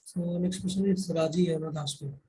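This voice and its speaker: Mellow higher-voiced Indian man on a video call. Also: fairly even intonation, fairly quick, husky. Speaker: internship mentor hosting the meeting. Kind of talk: spoken feedback on a video call. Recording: noisy video-call audio.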